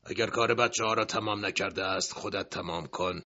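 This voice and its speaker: A man's voice: low-pitched, steady tone, exaggerated voice. A man voicing a cruel, greedy captor who barks harshly and mocks his victims, in a dull lo-fi recording. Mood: commanding. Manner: harsh, shouting, mocking.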